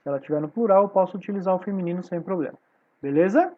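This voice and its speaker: A woman's voice: on the low side, animated, rapid-fire, narrow, tinny audio. A woman with a Brazilian Portuguese accent teaching a Spanish class online. She explains patiently and keeps checking in with her students.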